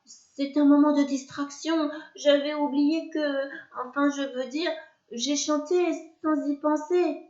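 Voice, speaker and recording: A woman's voice: high-pitched, steady tone, takes it slowly, a little mellow, pitched above the performer's own voice. A woman voicing a flustered man who pleads and apologizes to a witch. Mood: pleading. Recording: echoey room, dull lo-fi sound.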